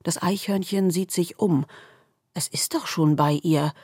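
A woman reads a children's story aloud in a slow, husky voice, building tension as she narrates. Her voice sits a little low, and the sound is dry and close to the mic. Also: dry recording. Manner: lively storytelling with rising tension. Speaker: story reader. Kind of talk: expressive children's book reading.

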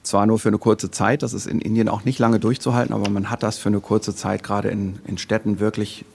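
A man as an expert guest in a podcast interview, explaining data in a measured, careful way. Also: lowish voice, flat delivery, vocal fry, a little mellow, husky.

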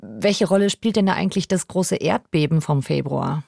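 Low-voiced woman podcast host. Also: vocal fry, mellow, no room sound, clean studio sound. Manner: brisk questions, brief listening sounds. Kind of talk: interviewing, short reactions.

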